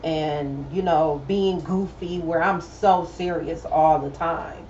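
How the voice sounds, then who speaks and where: A woman's voice: sits low, fairly even intonation, slow, a little mellow, a little hiss or hum. A woman in her thirties sharing her own story in a firm, earnest way during a casual chat. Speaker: podcast co-host. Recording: roomy, distant, slightly dull sound.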